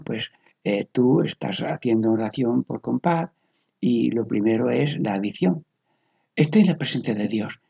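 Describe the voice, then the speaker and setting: Man, priest, guided meditative prayer, slow soft whispered repetitions, dark gravelly voice. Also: fairly high pitch. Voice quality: gravelly, husky. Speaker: priest leading spiritual exercises. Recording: dull lo-fi recording.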